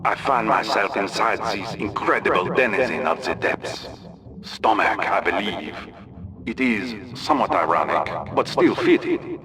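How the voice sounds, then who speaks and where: A man with a French accent playing a pompous, lovelorn deep-sea explorer who narrates in slow, grandiose tones. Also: sharp tone. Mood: wistful. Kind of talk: comedy radio sketch.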